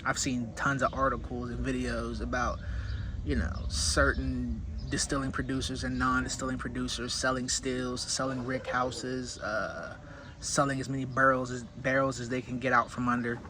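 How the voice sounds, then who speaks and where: Male host, mid-pitched voice, informal opinionated commentary, thinking aloud, clearly noisy recording. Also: level tone, moderate pace. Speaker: whiskey review host. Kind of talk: casual solo commentary.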